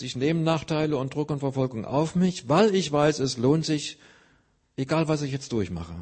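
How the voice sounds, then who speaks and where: A man's voice: medium pitch, darkish tone. A man preaching a sermon, earnestly explaining scripture with everyday examples.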